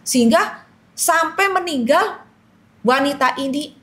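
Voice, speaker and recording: A middle-aged woman tells her life story in an earnest, storytelling way. Her voice sits a little high for a woman. She slips into other people's voices when she quotes them. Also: lively intonation, measured pace, a bit bright. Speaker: guest sharing a personal testimony. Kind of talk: emotional personal testimony.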